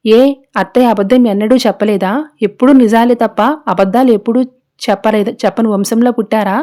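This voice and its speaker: A woman's voice: a little high, steady tone, brisk, mellow, lightly acted. A woman voicing a young, wrongly accused daughter-in-law who pleads and protests in a storybook recap. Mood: indignant. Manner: pleading, indignant.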